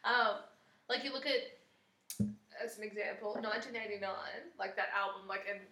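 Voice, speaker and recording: Bright, eager young woman. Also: mid-range voice, normal speed. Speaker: podcast co-host. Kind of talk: casual chat. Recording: echoey room, mic at a distance.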